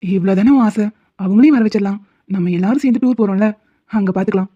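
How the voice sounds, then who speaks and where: A woman voicing a teasing, doting young husband in an animated cartoon who worries easily. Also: medium pitch, quick pace, no room sound, highs cut off, close to an everyday voice. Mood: worried doting. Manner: teasing, fussing, affectionate.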